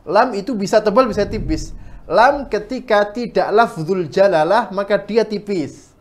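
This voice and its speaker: A man teaching Quran recitation in a class, demonstrating each sound slowly and correcting mistakes firmly. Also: sits high.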